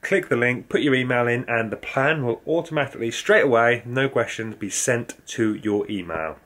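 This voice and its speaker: A man's voice: mid-range voice, normal speed, a bit bright. A young man talking casually to camera in a home vlog, upbeat and chatty with lots of fillers. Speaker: fitness vlogger.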